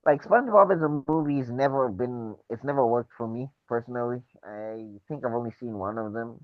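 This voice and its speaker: A man's voice: mid-range voice, fairly quick, dry recording. A man co-hosting a casual podcast chat over a remote call, his voice muffled by a poor mic connection, talking in a laid-back, rambling way with restarts. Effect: muffled sound from a poor mic connection. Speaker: podcast co-host.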